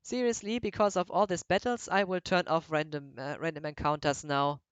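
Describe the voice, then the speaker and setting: Hesitant man, fairly high voice. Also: fairly even intonation, moderate pace, clean tone, no room sound, lo-fi sound. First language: German. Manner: hesitant, searching for words, many restarts. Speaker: let's play streamer. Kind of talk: casual chat while gaming.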